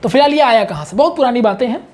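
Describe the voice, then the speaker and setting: A man's voice: very high voice, lively intonation, rapid-fire, darkish tone. A male chemistry teacher giving a casual online exam-prep lecture, chatty, repeating key points and checking in often with his students.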